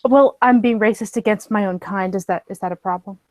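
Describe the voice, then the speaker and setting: A woman's voice: medium pitch, brisk, a little mellow, no room sound. Woman, tabletop player, chatty, dry close sound. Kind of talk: tabletop role-play chat.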